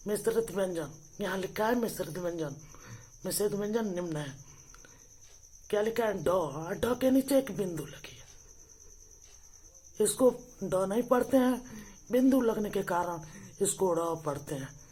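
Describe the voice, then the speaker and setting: Woman, alphabet teacher, husky voice, unhurried deliberate delivery, gentle correction of pronunciation. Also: mid-range voice, expressive. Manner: slow deliberate recitation of letters, correcting pronunciation; addresses viewers as dear friends. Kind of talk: children's alphabet lesson.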